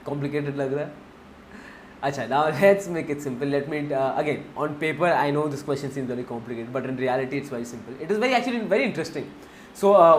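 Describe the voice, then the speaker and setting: A man's voice: fairly high pitch, echoey room, slight background noise. A man with an Indian accent teaching a finance class, mixing Hindi into his English, repeating key points and asking the class questions.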